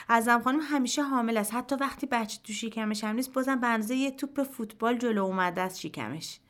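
A woman reading a short story aloud in first person, in a quiet, measured storytelling voice. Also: medium pitch. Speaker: narrator. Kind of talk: scripted narration of a short story.

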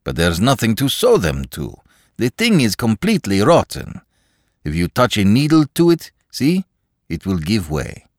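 Gruff one-eyed tailor, played by a man, blunt and decisive, low voice, dry sound. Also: wildly swooping pitch, normal speed, no room sound. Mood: blunt, dismissive.

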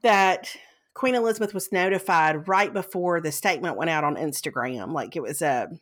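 A woman's voice: low-pitched, moderate pace, fairly bright tone. A woman hosting a podcast in casual chat, talking in a chatty, hedging way and laughing easily. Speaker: podcast host.

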